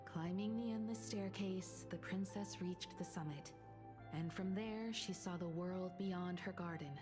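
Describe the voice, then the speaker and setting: A woman's voice: lowish voice, a little slow, music in the background, close to an everyday voice. Woman playing an earnest, resolute young daughter. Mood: storytelling. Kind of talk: dramatic video game voice acting.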